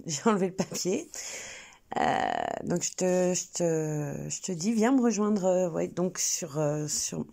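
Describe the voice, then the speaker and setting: A woman's voice: on the low side, slow, vocal fry, dark tone. A woman with a French accent hosting a spontaneous home video, hesitant with many fillers and restarts, cooing sweetly to her pet between remarks. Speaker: channel host.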